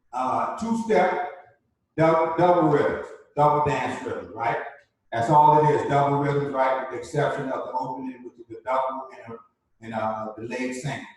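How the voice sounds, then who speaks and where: A man teaching a live online dance class, repeating key points and checking in with "right?" as he explains. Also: medium pitch. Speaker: dance instructor. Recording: very echoey room, distant mic.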